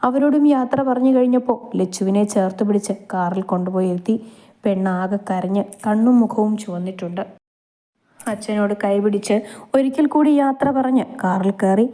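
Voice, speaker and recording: A woman reading a romantic family story aloud in a gentle, steady storytelling manner. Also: mid-range voice, moderate pace.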